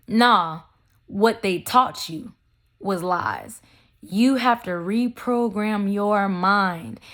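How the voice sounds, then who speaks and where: A woman with holds forth in an unscripted solo monologue, cursing freely as she talks. She drives her points home with slow, drawn-out emphasis, and her pitch sits in an ordinary middle range. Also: fairly bright tone. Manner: blunt and profane, emphatic, drawn-out stresses. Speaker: vlogger. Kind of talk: casual unscripted monologue to camera.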